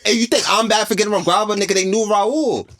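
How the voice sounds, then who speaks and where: A man's voice: high-pitched, fast talker, fairly bright tone, no room sound. A young man with a New York accent, co-hosting a podcast and telling a long, laid-back story full of slang. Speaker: podcast co-host. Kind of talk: casual chat.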